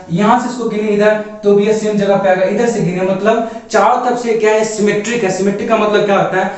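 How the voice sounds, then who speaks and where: A man teaching a chemistry lesson at a board. He keeps asking the class questions and then answers them himself, and calls the students "babu". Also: sits high. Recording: echoey room, voice from far off.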